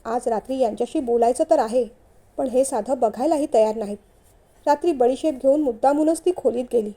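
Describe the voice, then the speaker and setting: A woman narrating a family novel in a steady storytelling manner. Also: high voice, brisk. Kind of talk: scripted narration.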